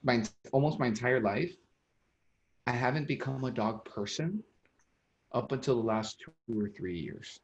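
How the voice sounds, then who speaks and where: A man chatting on a podcast, his voice slightly dull and muffled in the recording. He starts and restarts his sentences, repeating words as he feels his way forward. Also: mid-range voice. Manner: halting, repeats words, supportive listener. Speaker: podcast co-host. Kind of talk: casual podcast chat.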